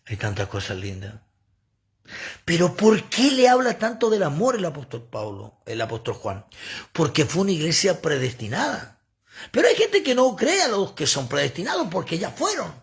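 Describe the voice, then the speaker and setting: Man, preacher, livestream sermon, phone mic, husky, gravelly, lively delivery. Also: a little high, moderate pace. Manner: preachy, animated, asides to viewers.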